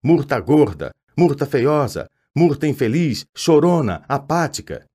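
A man's voice: medium pitch, sing-song, measured pace, warm tone, slightly rough, voice pushed up. A man voicing a sulky, weepy teenage girl ghost with a whiny, tearful tone.

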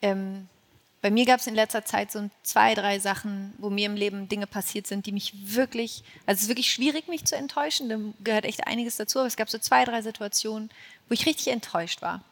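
A woman's voice: mid-range voice, fairly quick, in a large hall. A woman hosting an on-stage interview at a live event, attentive and affirming her guest with frequent murmurs. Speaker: interviewer, host.

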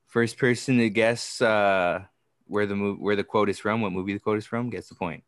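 A man's voice: on the low side, dry recording, clean studio sound. A young man hosting a casual group chat and running a movie quote game, teasing the others. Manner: teasing, deliberately monotone when reading quotes. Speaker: podcast host running a quiz game.

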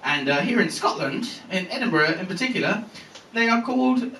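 A young man doing a stand-up comedy set, telling a story with lively delivery and plenty of swearing. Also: high-pitched, brisk, a little hiss or hum. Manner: animated storytelling, swears freely, acts out voices. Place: comedy venue with a laughing audience. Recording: roomy live stage recording from a distance.

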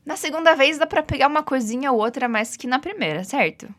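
Brazilian-accented woman English teacher; patient, encouraging, animated pitch. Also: brisk. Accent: Brazilian Portuguese. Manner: patient, encouraging, drills repeats. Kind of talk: guided language lesson.

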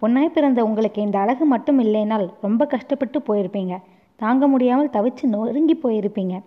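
Gentle consoling man voiced by a woman, lowered quiet voice, soft and soothing, patient, dull lo-fi audio. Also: close to an everyday voice. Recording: dull lo-fi recording.

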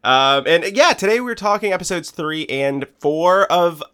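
A man's voice: on the high side, lively intonation, moderate pace, pushed and bright, smooth. A man hosting a podcast in a casual, playful chat, laughing and tripping over words in a morning voice. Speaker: podcast host.

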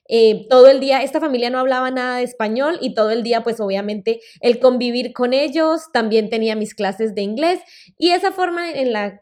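Telling her own story on her solo podcast, a Colombian woman in her thirties chats in a personal, casual way, filling pauses with "eh" and "pues". Her voice is a little high and a little mellow.

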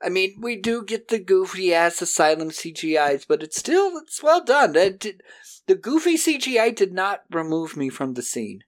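Higher-voiced man recapping a film casually. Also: big pitch swings, moderate pace. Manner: animatedly acts out characters' lines. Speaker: podcast co-host.

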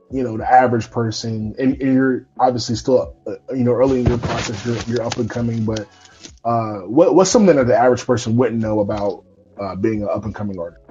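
Young male host, husky, rambling and upbeat, muffled live-stream audio. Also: medium pitch, moderate pace, soft background music. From North Carolina. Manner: relaxed, many restarts and fillers, enthusiastic. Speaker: podcast host. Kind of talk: casual interview chat.

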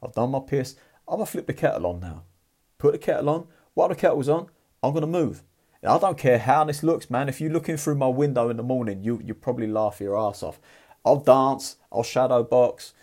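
A man's voice: mid-range voice, brisk, a little mellow. A man giving a blunt, profane motivational talk in a casual, fired-up way. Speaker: motivational vlogger.

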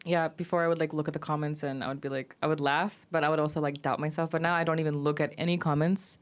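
A woman's voice: sits low, level tone, quick pace. A young woman speaking as an interview guest, upbeat and casual, with frequent "like" and "you know" fillers.

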